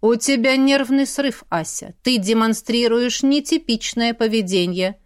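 A woman doing a calm, clinical brother. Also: on the high side, unhurried, lightly acted. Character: calm, reasoning young brother.

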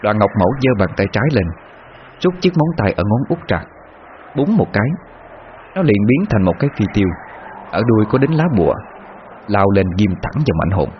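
Lively low-voiced man telling a tale. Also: a little hiss or hum. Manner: measured, dramatic. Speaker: storyteller. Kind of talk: dramatic folk tale narration. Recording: muffled, with long reverb.

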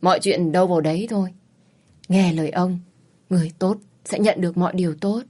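A woman voicing a kindly elderly grandfather who gently reassures his granddaughter in an audio story. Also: lowish voice, steady tone, natural voice. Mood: soothing. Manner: slow, soothing advice.

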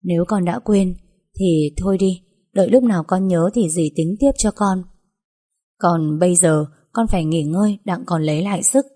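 Narrator puts on a doting older lady for a storybook, soft motherly scolding, husky and warm. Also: lowish voice, moderate pace, lightly acted. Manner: gentle, coaxing, motherly scolding. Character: kind fussing older landowner's wife, doting.

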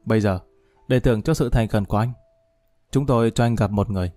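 A calm police colonel gives orders in a measured, steady way, as a man narrator puts him on. The voice is mellow and the recording dry. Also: on the low side, no room sound, soft background music, lightly acted.

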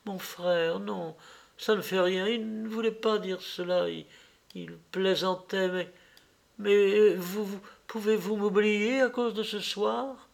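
A man voicing a heartbroken young actress who pleads with her lover in a soft, tearful voice, in a read-aloud novel. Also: sits high, fairly even intonation, slow, creaky, pitched above the performer's own voice, full character voice. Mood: tearful pleading.

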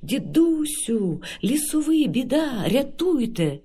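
A man doing a shrill spiteful water nymph. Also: sing-song, measured pace, mellow, breathy edge, full character voice. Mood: alarmed. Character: young female water nymph, spiteful toward people.

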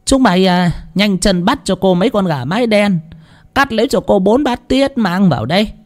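A man voicing a stern female village shaman who barks sharp orders. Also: high voice, expressive, moderate pace, pitched above the performer's own voice. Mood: commanding.

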